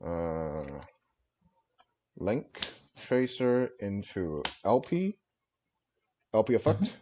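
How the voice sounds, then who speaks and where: A man's voice: on the low side, big pitch swings, very slow, dark tone, slight background noise. A man on a livestream headset mic, casually calling out his card game moves with many fillers. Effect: livestream headset mic audio. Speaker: streamer and card game player. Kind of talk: casual play-by-play commentary of his own turn.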